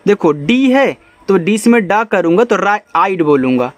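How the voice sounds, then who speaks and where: Brief: male phonics teacher, high voice, patient step-by-step explaining, slow spelling. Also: big pitch swings. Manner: explains step by step, spells letters out slowly, repeats and asks the class questions. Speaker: English teacher. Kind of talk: spoken phonics lesson.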